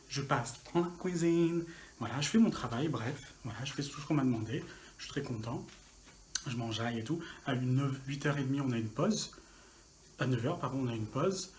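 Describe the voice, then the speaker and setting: A man casually telling a personal story for his channel, lively and full of slang and fillers. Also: medium pitch, moderate pace, slight background noise. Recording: echoey room with faint ambience.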